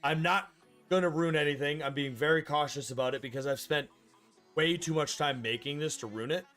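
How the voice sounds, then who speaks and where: A man's voice: a little high, brisk, a bit bright, soft background music. A man in his thirties hosting a casual game stream, chatty and explaining rules at length. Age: 30s.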